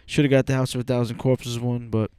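A man's voice: medium pitch, flat delivery, quick pace, darkish tone, clear, resonant tone, no echo, clean studio sound. A man hosting a podcast in a casual, informal chat style. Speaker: podcast host.

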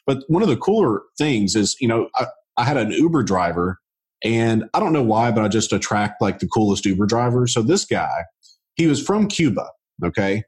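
A man hosting a real estate podcast, chatting in a relaxed way with lots of casual fillers. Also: on the low side, moderate pace. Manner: relaxed, chatty, many fillers like "you know". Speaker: podcast host. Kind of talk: casual interview chat.

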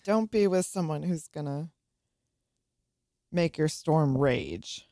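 A woman with a fairly low voice talks in a relaxed, candid way, laughing often and swearing freely. Her voice sounds close and dry. She is co-hosting a casual podcast. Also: slow, dry recording. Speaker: podcast co-host. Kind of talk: casual chat.

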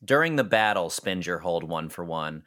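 A man's voice: sits low, expressive, moderate pace, fairly bright tone, no echo, studio quality. A man narrating a tabletop game as game master, casual and laughing often.

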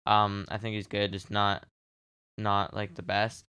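A man's voice: on the low side, monotone, measured pace, sharp tone, clear, resonant tone, no echo. Podcast co-host, male, casual recap delivery with frequent laughs, resonant tone, dry close sound. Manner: reads match notes, laughs often. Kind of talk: casual wrestling recap chat.

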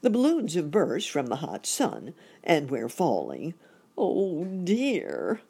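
A woman's voice: sits low, wildly swooping pitch, takes it slowly, gravelly, warm tone, husky, heavily acted. A woman voicing a jolly, kindly old rabbit uncle in a children's storybook, genial and old-fashioned in phrasing. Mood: dismayed.

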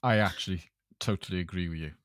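A man with a Welsh accent hosting a casual podcast chat in a hesitant, halting way. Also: deep voice, a bit bright, slight background noise. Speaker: podcast host.

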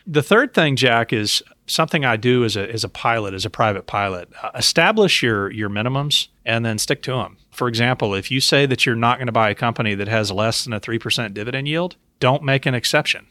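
A man's voice: medium pitch, lively intonation, a little fast, few pauses, pushed and bright, no echo. A man hosting a podcast, explaining advice and speaking directly to his listeners and co-host. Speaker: podcast host and investment professional. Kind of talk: podcast talk giving investment advice.

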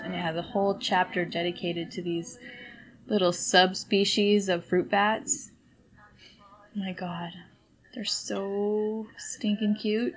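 A woman's voice: medium pitch, noisy background. A woman chatting casually and rambling from one thought to the next, swearing now and then. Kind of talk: casual chat. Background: background music.

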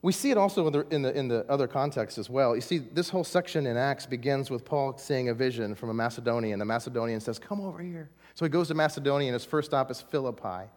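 A man preaching a sermon in a dramatic way, dropping to a hush and then rising to emphatic points. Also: mid-range voice, quick pace, hardly any pauses, long reverb tail. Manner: dramatic, swings from hushed to emphatic. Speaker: pastor.

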